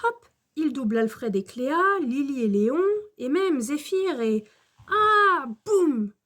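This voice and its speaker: Woman storyteller, high voice, slow and gentle kids' read-aloud. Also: lively intonation. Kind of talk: children's storybook reading.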